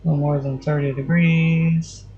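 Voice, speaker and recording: A man's voice: a little high, flat delivery, a little slow, a little mellow, slightly rough, highs cut off. Give me a man streaming a flight simulator, reading back tower calls and checklist items like a pilot through his headset mic. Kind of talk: casual game commentary with pilot radio calls.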